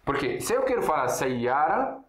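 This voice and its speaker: A man from Syria, a native Arabic speaker, giving a casual video lesson at a board, explaining slowly with repeated examples and frequent check-ins. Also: on the high side, sing-song, a bit bright, a little hiss or hum. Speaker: Arabic teacher. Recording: echoey room.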